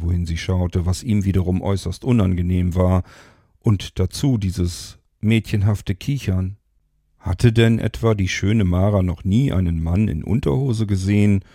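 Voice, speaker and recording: A man reads a bedtime story aloud at an unhurried, very slow pace. His voice is low, dark and gravelly. The recording is dry and close. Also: dry recording. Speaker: narrator. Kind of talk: storybook reading.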